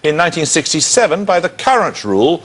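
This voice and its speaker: A man hosting a televised quiz show, reading questions briskly and crisply in a studio. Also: on the high side, very animated, fairly bright tone.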